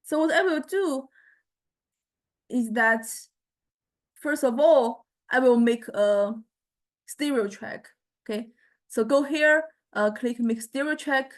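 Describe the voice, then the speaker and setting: A high-pitched female lecturer gives an informal, unscripted software demonstration, her phrasing halting and punctuated by frequent check-in questions.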